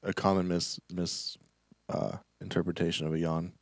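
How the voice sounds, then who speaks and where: A man co-hosting a casual podcast, tossing in quick jokes and one-liners. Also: low voice, little pitch movement, dry recording, studio quality. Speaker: podcast co-host. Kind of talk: casual team chat.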